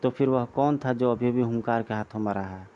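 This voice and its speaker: Guy doing a mocking villain warlord, boastful, laughs at his foes, mid pitched. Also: moderate pace, muffled recording, natural voice. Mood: gloating. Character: vengeful male demon warlord, gloating.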